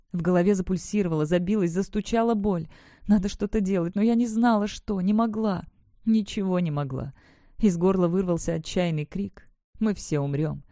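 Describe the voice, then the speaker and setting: An audiobook reader giving dramatic, expressive first-person narration of a fantasy novel. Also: medium pitch, dry recording, studio quality.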